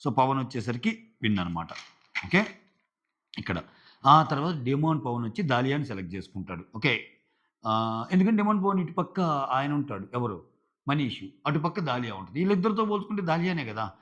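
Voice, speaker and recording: A man's voice: medium pitch, big pitch swings, brisk, fairly bright tone. Chatty man recapping, dull lo-fi sound. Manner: chatty, filler-heavy retelling. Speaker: show reviewer. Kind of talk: casual episode recap.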